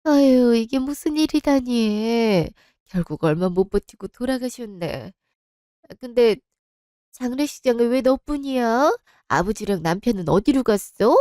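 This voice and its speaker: Woman doing a fussy clucking middle-aged aunt, higher voice, smooth and dry. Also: animated, measured pace, dark tone, dry recording. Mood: fussing. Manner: fussing, higher-pitched.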